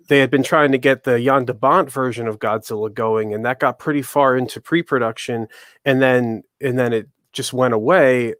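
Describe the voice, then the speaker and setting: A male moderator with an average-pitched voice leads a casual interview. His questions run on, full of "uh" and "like." The recording is dry, with no room sound. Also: fairly bright tone, no echo. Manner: rambling questions with many fillers.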